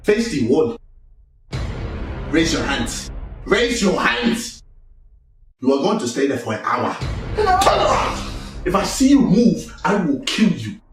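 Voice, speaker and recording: A man's voice: on the high side, big pitch swings, a little slow, pauses often. A man playing a stern, menacing uncle. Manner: barked commands, menacing. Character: strict, threatening male uncle scolding a boy. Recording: echoey, distant, with music.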